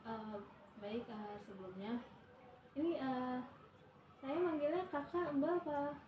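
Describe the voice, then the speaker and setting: A young woman with a high voice plays a counselor in a role-played practice session, speaking at a measured pace. She sounds hesitant and uses many filler sounds. The room is echoey, the mic is distant, and there is noise.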